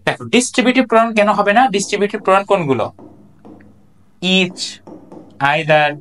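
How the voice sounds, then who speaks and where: A tutor talks through exam answers in a recorded lecture, at a middling pitch. Each point comes with rhetorical questions and quick checks that listeners are following. English example sentences are read out slowly and deliberately. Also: animated, a bit bright, a little hiss or hum. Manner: explains step by step, asks rhetorical questions, checks understanding. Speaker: English tutor for admission exams.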